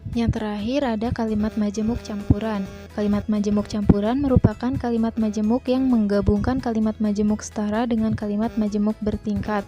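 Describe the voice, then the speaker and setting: A woman teacher, reading a grammar lesson in a measured way and slowing down for example sentences. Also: mid-range voice, flat delivery, warm tone, dull audio, soft background music. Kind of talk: scripted grammar lesson narration.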